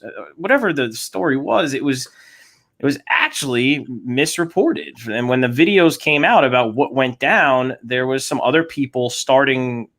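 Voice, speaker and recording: A man co-hosting a casual podcast chat, animated and joking. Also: mid-range voice. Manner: animated, joking, puts on silly voices. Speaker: podcast co-host.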